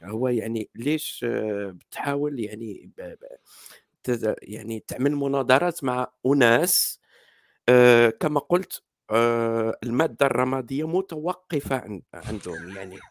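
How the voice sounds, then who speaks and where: A man's voice: mid-range voice, animated, moderate pace, no room sound, clean studio sound. A man with a Moroccan Arabic accent, talking hesitantly in a casual online debate with many fillers and restarts. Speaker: discussion participant.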